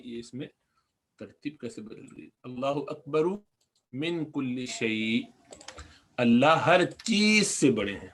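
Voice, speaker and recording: Man, Pakistani Urdu accent, Arabic grammar lesson, patient explaining, slightly high voice. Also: a bit bright. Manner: explains patiently, repeats words slowly, asks the class questions. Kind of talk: recorded lesson.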